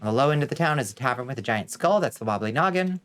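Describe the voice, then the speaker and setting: A man puts on a stiff fantasy game town guard, pompous and stately as he addresses the peasants. Soft music sits behind the voice. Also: medium pitch, expressive, racing, lightly acted. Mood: stately, helpful. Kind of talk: fantasy video game character read aloud.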